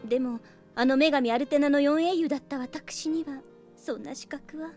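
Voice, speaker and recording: An actress playing a gentle, troubled younger sister and priestess in an audio drama, speaking in a refined, hesitant, courteous way. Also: female voice, high-pitched, moderate pace, soft background music. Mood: troubled, apologetic. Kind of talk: Japanese audio drama acting.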